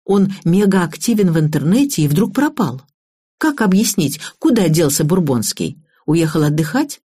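A woman narrating a first-person audiobook in an even, matter-of-fact way. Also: fairly low pitch, normal speed, husky, no echo, clean studio sound.

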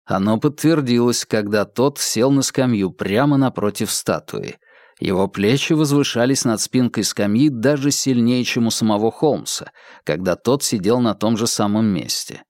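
A man narrating an audiobook in a measured, even reading. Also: medium pitch, no echo, clean studio sound. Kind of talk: scripted narration.

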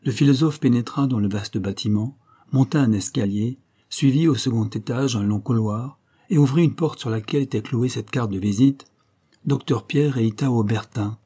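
A man reading a classic detective novel aloud as a narrator, with steady storytelling that rises in pitch for the characters' lines. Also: moderate pace, breathy edge. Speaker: audiobook narrator.

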